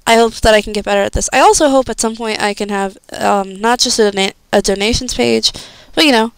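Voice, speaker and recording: A young woman streamer rambles in a loose, chatty way, thinking aloud between fillers. Her voice is smooth and clear, recorded close and dry with no room sound. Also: fairly high pitch, fast, no room sound, rough recording. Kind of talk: casual chat, reacting to a video.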